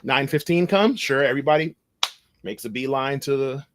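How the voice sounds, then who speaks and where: Male podcast guest, mid-range voice, animated storyteller who voices the people in his tale, loose and full of restarts. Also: mid-range voice, normal speed. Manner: animated, acts out dialogue in his stories; loose phrasing with frequent restarts. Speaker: podcast guest, cybersecurity consultant. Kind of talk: conversational storytelling.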